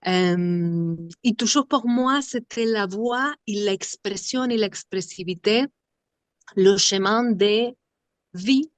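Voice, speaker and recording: A woman from Argentina with an Argentine Spanish accent, a Spanish native speaker, talking slowly in an interview about her vocal workshops and searching for words often. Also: mid-range voice, no echo. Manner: halting, searching for words, many fillers. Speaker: singer and vocal workshop leader.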